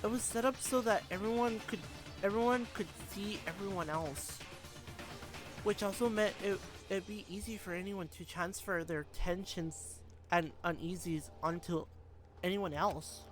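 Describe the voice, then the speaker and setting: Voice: mid-range voice, fairly even intonation, unhurried, music in the background. A game streamer reading story text aloud during a live playthrough, stumbling, rereading and chatting to viewers.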